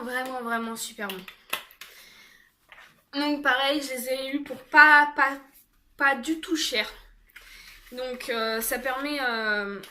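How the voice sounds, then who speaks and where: A woman's voice: sits high, sharp tone, slight background noise. A young woman chatting casually in a haul video, with lots of fillers and restarts. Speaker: haul vlogger.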